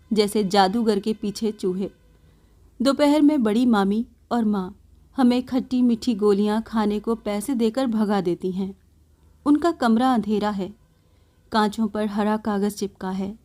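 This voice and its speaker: Slow, mellow-voiced woman reading a story. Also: mid-range voice. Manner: slow, soft first-person narration.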